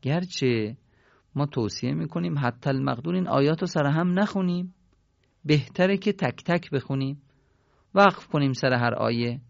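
A man teaches Quran recitation in a patient, step-by-step way, slowing down to chant each verse. His voice has a gravelly edge. The recording is dull and lo-fi, with a dry sound and no room echo. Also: fairly high pitch, lively intonation. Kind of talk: recorded tajwid lesson.

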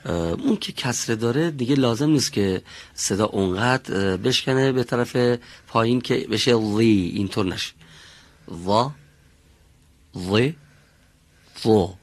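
A man teaching Quran recitation in a classroom lesson, patiently demonstrating letter sounds and repeating them slowly. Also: mid-range voice, expressive.

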